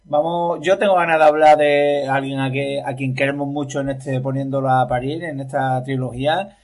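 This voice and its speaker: A man's voice: mid-range voice, little pitch movement, moderate pace, a little mellow. A man in a casual film discussion, talking in a playful, chatty way. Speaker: film commentator.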